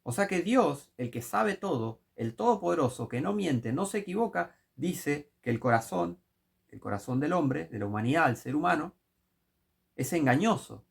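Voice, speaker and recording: A man preaching, his voice gravelly and husky and pitched a little high for a man. He delivers a sermon in an emphatic way and keeps throwing rhetorical questions at the listener. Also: very animated, moderate pace.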